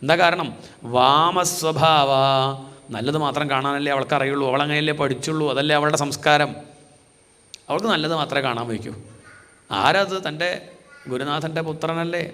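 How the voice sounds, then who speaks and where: A man giving a devotional scripture discourse, chanting verses slowly and asking rhetorical questions. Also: a little high, pushed and bright. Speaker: religious discourse speaker. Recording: long hall reverb.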